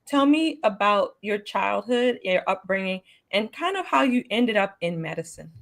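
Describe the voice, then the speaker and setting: A woman in her forties hosting an interview in a casual way, excitable and quick to repeat herself. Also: medium pitch, gravelly. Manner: warm, excitable, repeats words. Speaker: podcast host.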